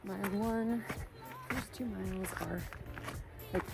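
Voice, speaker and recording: Woman, casual outdoor vlog, talking while running, slightly out of breath, slow pacing, loud background music. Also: medium pitch, fairly even intonation, vocal fry. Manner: talking while hiking and running a steep mountain trail. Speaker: trail-running vlogger. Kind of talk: casual self-filmed vlog talk. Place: outdoors on a mountain trail. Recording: music behind the voice.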